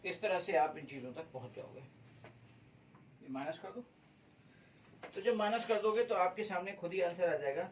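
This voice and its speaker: Man, chemistry teacher, high-pitched, board lecture, mic at a distance. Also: expressive, moderate pace, long pauses, highs cut off, a little hiss or hum. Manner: addresses students as beta, mixes Hindi with English terms. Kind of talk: whiteboard lecture. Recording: voice from away from the mic.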